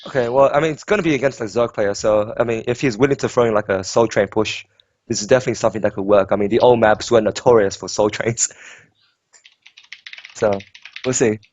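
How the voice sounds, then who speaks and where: A man calls the game in a relaxed, chatty way, cracking jokes and laughing easily. His voice sits a little low. The sound is dry and slightly dull, like a lo-fi headset mic. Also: dry recording. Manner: chatty, joking, quick to laugh. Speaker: esports caster. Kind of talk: casual live game commentary.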